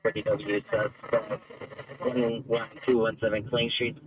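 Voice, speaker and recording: A man's voice: on the low side, flat delivery, measured pace, a crowd in the background. A man working as a police dispatcher, heard over a police radio scanner, reading out clipped codes and addresses in a terse, matter-of-fact way. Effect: police radio scanner transmission. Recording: muffled scanner audio with static hiss.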